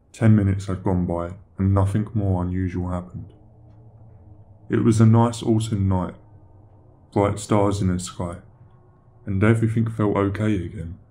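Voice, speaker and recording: A man narrating a first-person horror story in a slow, measured, somber delivery. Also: lowish voice, dark tone, slight background noise.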